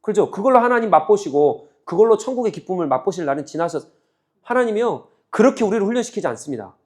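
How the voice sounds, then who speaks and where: A man with a fairly high voice preaches a teaching sermon to his congregation. He keeps asking questions and answering them himself, and he acts out the quoted voices in a lively back-and-forth. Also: quick pace. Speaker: pastor. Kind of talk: sermon teaching on a Bible book.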